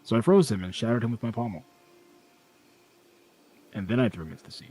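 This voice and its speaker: A man's voice: lowish voice, animated, fast, mellow, husky, soft background music. A man streaming a game, making dry, sarcastic remarks at what happens on screen. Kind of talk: casual gameplay chat.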